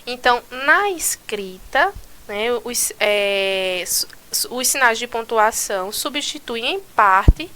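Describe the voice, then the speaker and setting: A woman's voice: fairly high pitch, lively intonation, slow, pushed and bright. A Brazilian woman teaching a recorded school lesson, explaining step by step and checking in often with "né" and "tá certo". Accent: Brazilian Portuguese.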